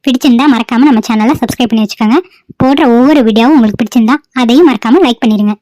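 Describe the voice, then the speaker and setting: A woman's voice: a little high, very fast, a little mellow. A woman channel host giving a chatty, cheerful introduction and a birthday wish.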